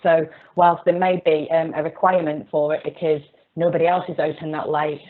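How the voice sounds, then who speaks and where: A woman's voice: low voice, flat delivery. A woman speaking as a local resident, giving an earnest formal statement to a committee with many fillers. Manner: earnest, halting with frequent fillers. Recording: dull online call audio.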